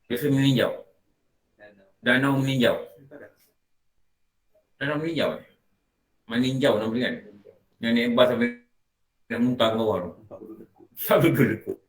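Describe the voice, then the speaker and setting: A man with a Malaysian Malay accent delivers a relaxed religious talk to a gathering and keeps turning to his listeners with questions. His voice sits at an ordinary pitch. The prayer hall gives the recording a roomy echo. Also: moderate pace, long pauses. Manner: conversational, asks the audience questions. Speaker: religious teacher. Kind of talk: morning religious lecture.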